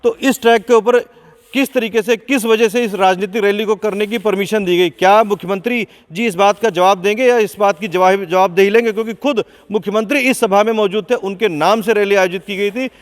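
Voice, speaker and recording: Inside a big indoor sports hall, with its long echo ringing around him, a man reports live for the news. This field reporter's voice is high and steady, his pace fairly quick, and his words questioning and accusatory.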